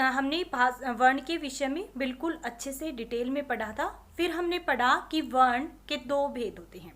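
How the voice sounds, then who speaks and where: A woman teacher talks a young class through a lesson in a high, bright voice. She explains each point step by step, asks a question and answers it herself. She says the example words slowly and carefully. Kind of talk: online class lesson for children.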